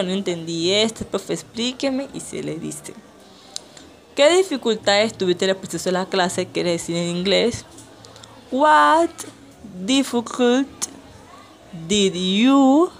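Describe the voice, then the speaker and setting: Brief: woman teacher, very unhurried vocabulary drills, faint music underneath. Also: medium pitch. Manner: slow, deliberate, has students repeat words. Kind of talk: language lesson drilling vocabulary.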